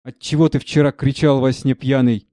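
A man doing a sharp-tongued, mocking servant. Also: medium pitch, level tone, moderate pace, no room sound, studio quality, lightly acted.

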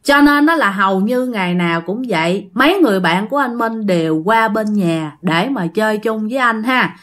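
A woman's voice: mid-range voice, expressive, normal speed, a bit bright. A woman with a Southern Vietnamese accent telling a ghost story casually, talking straight to her listeners with lots of fillers. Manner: chatty, addresses listeners directly, many fillers.

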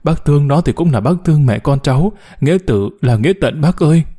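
A man's voice: lively intonation, quick pace, husky. A man voicing a distraught young mother, wailing and pleading in grief in an audiobook. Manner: sobbing, pleading, high and loud.

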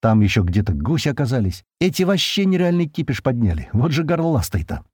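A man's voice: medium pitch, sing-song, brisk, darkish tone, slightly rough, no room sound, clean studio sound. A man narrating a first-person audiobook in a colloquial, slangy way.

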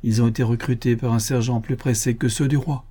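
A man's voice: medium pitch, fairly even intonation, fairly quick, warm tone, slightly rough, natural voice. A man reading an audiobook, voicing a humble, grieving forest keeper who speaks with deference and emotion. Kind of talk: audiobook character voice.

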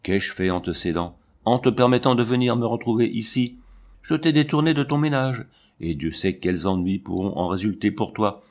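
A man's voice: on the low side, lively intonation, normal speed, a little mellow. A man voicing a weary older woman who is tender but held back by scruples, speaking with sighs. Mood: regretful. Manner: sighing, torn by scruples.

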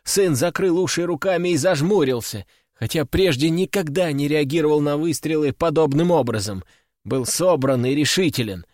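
A man narrating a crime story in an even, measured storytelling manner. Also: fairly high pitch, dry recording. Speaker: audiobook narrator. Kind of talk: scripted narration. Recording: dry close studio sound, faint music.

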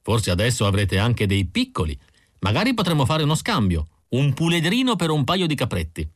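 A man's voice: medium pitch, wildly swooping pitch, brisk, no echo, clean studio sound, voice pushed up. A man voicing a friendly, chatty male neighbor in an audiobook reading. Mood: cheerful.

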